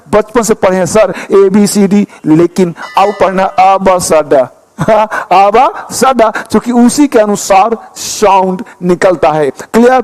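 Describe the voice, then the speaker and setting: Guy with a really high voice teaching english sounds, drills letters one by one, keeps asking "clear?". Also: darkish tone, low-quality recording. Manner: asks the listener questions to check understanding. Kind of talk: classroom-style lesson.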